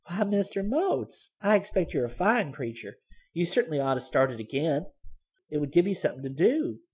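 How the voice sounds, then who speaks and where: A man's voice: on the high side, very animated, normal speed, a little mellow, breathy edge, voice pushed up. A man reading a story voices a prying, persistent middle-aged landlady with a wheedling, badgering manner. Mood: coaxing.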